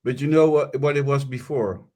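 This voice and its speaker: A man's voice: mid-range voice, fairly even intonation, moderate pace, dark tone. A man with a Dutch accent co-hosting a football podcast, curious and full of joking asides. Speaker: podcast co-host. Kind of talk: casual football podcast chat.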